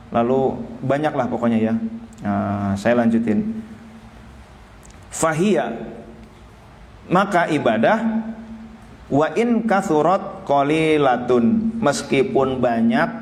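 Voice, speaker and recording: Lively preacher with slang. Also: male voice, mid-range voice. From Indonesia. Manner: lively storyteller, acts out characters, reads Arabic text and translates. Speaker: Islamic preacher. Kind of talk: sermon with storytelling.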